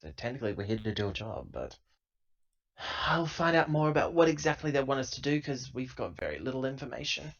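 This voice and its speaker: Very animated and brisk, a medium-pitched man rambles through a tabletop RPG session, thinking out loud and improvising in a casual way. The audio comes from a lo-fi laptop.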